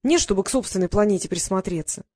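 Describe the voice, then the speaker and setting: A blunt, self-assured winged boy who answers in short, clipped lines, as a narrator puts him on. He sounds proud and a little grumpy, speaking at a middling pitch in a storybook reading. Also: lively intonation, quick pace, dark tone, close to an everyday voice.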